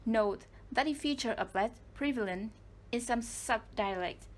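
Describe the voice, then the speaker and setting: A woman's voice: a little high, measured pace, slight background noise. A young woman, a native Vietnamese speaker, presenting in class and counting off points as she reads her notes. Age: young adult. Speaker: student presenter.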